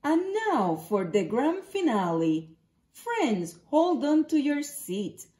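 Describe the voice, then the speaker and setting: Showy storybook girl ringmaster, played by a woman, circus announcing, lively swoops, measured pace, echoey room. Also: a little high. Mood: showy, excited. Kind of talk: ringmaster announcements read from a picture book. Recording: roomy home echo.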